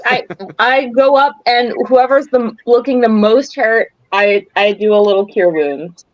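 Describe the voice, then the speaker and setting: A woman playing a cleric in a tabletop game, speaking slowly with some hesitation. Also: fairly high pitch, no echo, highs cut off. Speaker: player. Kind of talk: casual tabletop play.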